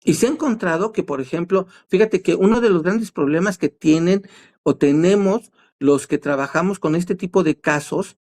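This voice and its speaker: A man's voice: sits high, normal speed, a little mellow. A man, a therapist guest on a talk show, explaining at length and asking himself rhetorical questions. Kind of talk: casual talk show discussion.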